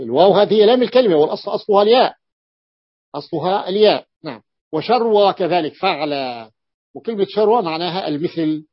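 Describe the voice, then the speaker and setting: A man teaches a grammar lesson as a sheikh, going over each rule slowly and repeating his phrases. His voice sits a little high. The recording is dull and dry, with no room echo. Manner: repeats phrases, stretches words, often confirms with a short "yes". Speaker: sheikh teaching Arabic morphology. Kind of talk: classroom lecture explaining a text.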